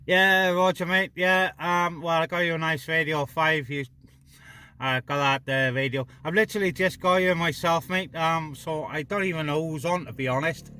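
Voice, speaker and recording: Outdoors by a car on a hilltop, a man runs a CB radio net, talking to camera and radio in a loose, informal, slightly hesitant ramble; he's also a vlogger. His voice leans high, fairly even in intonation and moderately paced, bright and forceful, with slight background noise.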